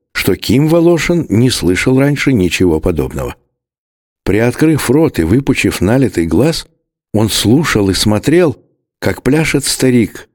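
A man narrating an audiobook with dramatic, expressive delivery. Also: on the low side, no echo, clean studio sound. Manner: dramatic, animated.

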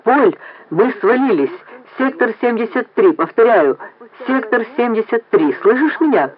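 A man voicing a stranded expedition leader who calls for help in a hoarse, breathless voice, repeating himself urgently. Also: very high-pitched, big pitch swings, a little slow, voice pushed up, heavily acted. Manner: urgent, repeating himself over the radio link. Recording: tinny phone-like lo-fi recording.

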